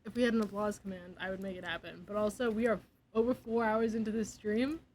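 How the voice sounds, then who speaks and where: A woman's voice: mid-range voice, steady tone, fast, a little mellow, slight background noise, low-quality recording. A young woman streaming, chatting casually and giggly, sometimes dropping to a near whisper. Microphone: desk mic.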